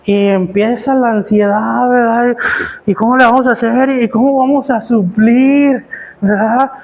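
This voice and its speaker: A man's voice: extremely high pitch, fairly even intonation, measured pace, darkish tone, a little hiss or hum. A man, preaching a sermon as pastor, asking his listeners rhetorical questions and often stumbling over repeated words.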